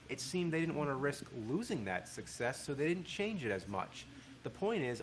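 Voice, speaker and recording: A man's voice: medium pitch, fairly bright tone, a little hiss or hum, low-quality recording. A man narrating a video essay in a conversational way, with wry asides. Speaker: commentator.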